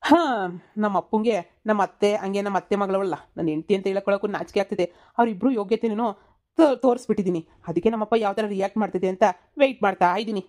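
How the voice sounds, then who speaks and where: A woman voicing a young village man in a cartoon comedy, a scheming son who talks briskly and persuasively. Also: medium pitch, darkish tone, natural voice. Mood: smug.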